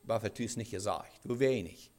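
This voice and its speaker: A man preaching a sermon in a halting way, with restarts and rhetorical questions. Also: on the low side, darkish tone.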